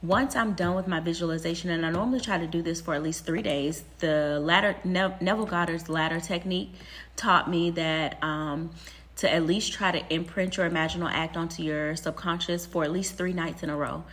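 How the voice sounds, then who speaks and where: A young woman talking quietly, half-whispering, as she shares advice from an empty classroom. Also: fairly low pitch, steady tone, a little fast. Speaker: vlogger. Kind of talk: casual spoken advice.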